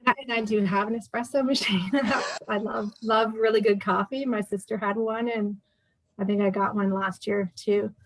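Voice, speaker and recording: A woman's voice: medium pitch, steady tone, moderate pace, no echo, poor audio. Chatty woman in her fifties, dry sound. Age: 50s. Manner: chatty, with many fillers and restarts. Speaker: guest. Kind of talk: casual interview chat.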